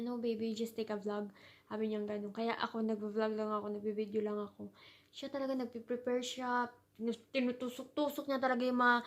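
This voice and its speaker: A young woman from the Philippines chats through a casual vlog with a slightly high voice. She tells her stories loosely, tossing in English phrases and laughing at her own mishaps. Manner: chatty, mixes English into Tagalog, laughs at herself. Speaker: vlogger.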